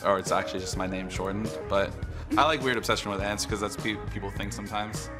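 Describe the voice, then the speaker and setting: A man in his twenties from California with a lowish voice. He introduces himself in an offhand, relaxed way, with music behind him. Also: quick pace. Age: 20s. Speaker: competitive player. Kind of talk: casual interview.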